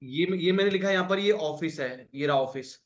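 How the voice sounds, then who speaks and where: A man's voice: on the high side, normal speed, highs cut off. A man teaching an online class, coaxing students, repeating each point and calling on them by name.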